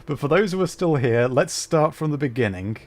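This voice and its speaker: Hosting a laid-back livestream of a video game, a man fumbles through technical problems, sounding flustered, sorry and self-deprecating. His expressive voice is a little high and a little fast.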